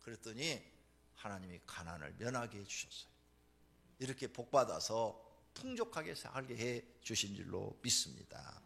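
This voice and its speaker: A male pastor preaching a fervent sermon, moving from hushed storytelling to shouted exhortation. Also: lowish voice, big pitch swings, moderate pace, gravelly.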